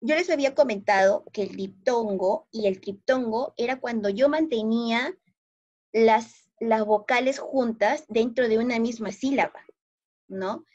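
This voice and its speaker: Slightly high, slightly slow and a little mellow, this Peruvian-accented teacher's voice guides primary pupils through a grammar lesson online. She explains patiently and frequently confirms they are following, all captured in dull lo-fi audio.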